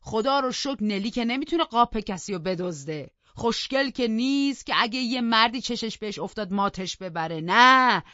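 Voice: medium pitch, lively intonation, few pauses, bright, forceful tone, dry recording, pitched above the performer's own voice. A narrator voicing a bitter, stubborn old male servant who grumbles and complains. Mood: indignant. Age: older. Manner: whining, indignant complaining. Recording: dull lo-fi dry recording.

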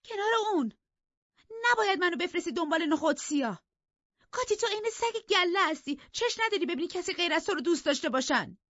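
A woman voicing a tearful, jealous and petulant young woman in an audiobook, her voice high and strained. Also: lively intonation, dry recording. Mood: outraged. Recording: dull, dry lo-fi recording.

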